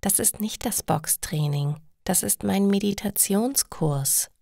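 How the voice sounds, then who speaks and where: A woman voicing a calm female meditation teacher who speaks quietly and slowly. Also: mid-range voice, vocal fry, no room sound, clean studio sound. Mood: gentle. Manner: quiet, slow, soothing instructions.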